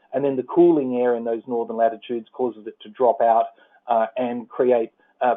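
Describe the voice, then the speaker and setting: An Australian man walks listeners through his slides on a conference call. His middle-pitched voice comes through a narrow, tinny phone line. He talks haltingly, filling pauses and restarting his sentences. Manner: halting, many fillers and restarts. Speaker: presenter.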